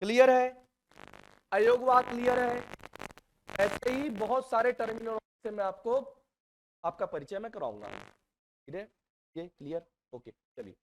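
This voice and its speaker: Male teacher, high voice, classroom lecture that quizzes students. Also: animated, unhurried, long pauses, a little hiss or hum. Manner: quizzes students, repeats key terms.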